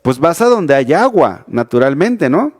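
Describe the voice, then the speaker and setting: A man's voice: fairly high pitch, very animated, measured pace, darkish tone. A man with a Mexican accent preaching a youth sermon, talking casually with many restarts and rhetorical questions. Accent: Mexican Spanish. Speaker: youth pastor. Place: church, streamed online.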